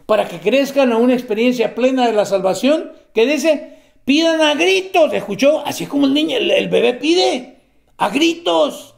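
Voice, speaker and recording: A man preaching with a high-pitched, heavily gravelly voice. He swings between loud, climbing exclamations and low, hushed stretches. The tone is a pulpit sermon. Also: expressive, moderate pace.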